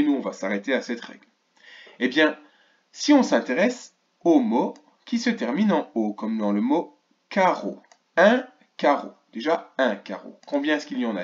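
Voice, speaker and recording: Guy teacher doing a home video lesson for little kids, slow careful words, kinda dull lo-fi sound. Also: mid-range voice. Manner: slow, clearly articulated, stretches key words; asks questions of an absent class. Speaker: primary school teacher. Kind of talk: remote lesson for first graders.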